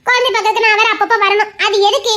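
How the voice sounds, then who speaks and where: Woman playing a soft-spoken young wife. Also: very high-pitched, steady tone, fast. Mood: defiant. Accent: Tirunelveli Tamil. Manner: musing, soft-spoken inner monologue. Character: young separated wife, earnest student.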